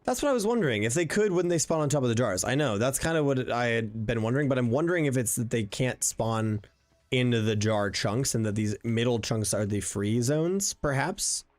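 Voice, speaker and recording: A man's voice: mid-range voice, normal speed. A young man thinking aloud while streaming a block-building game, chatty and full of fillers, answering viewers as he plays. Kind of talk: casual live-stream gameplay commentary. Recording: faint background music under the voice.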